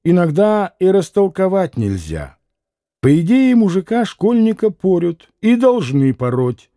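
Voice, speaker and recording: A man's voice: high voice, sing-song, unhurried, warm tone, dry recording, studio quality, exaggerated voice. A man voicing a self-assured schoolboy in an audiobook, lecturing his friend in a condescending way.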